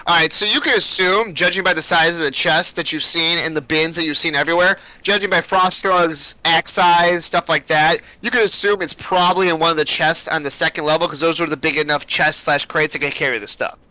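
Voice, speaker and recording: A man's voice: fairly high pitch, steady tone, brisk, hardly any pauses, pushed and bright, dry recording, poor audio. A man narrating as game master of a tabletop game, rambling loosely with plenty of fillers.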